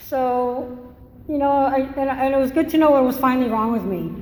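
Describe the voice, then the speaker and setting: An older woman from Massachusetts, with a Massachusetts accent, speaks at a normal speed in a high-sitting, darkish voice, giving a personal testimony at a recovery meeting. The echoey meeting hall carries faint noise, and her talk is candid, rambling, and full of self-deprecating humor.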